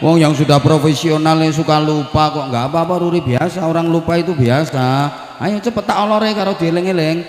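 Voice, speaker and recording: A man's voice: on the high side, brisk. A man hosting a religious gathering as a preacher, chatting and teasing the audience in a playful way. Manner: teasing, chatty, mixing in Javanese words. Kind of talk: joking pulpit banter. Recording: echoey hall, from a distance.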